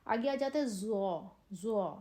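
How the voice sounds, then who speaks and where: A woman teacher with a Pakistani Urdu accent, explaining letter sounds patiently in short phrases and stretching out slow model words. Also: mid-range voice, lively intonation, warm tone. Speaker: Quran reading teacher. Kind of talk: step-by-step pronunciation lesson.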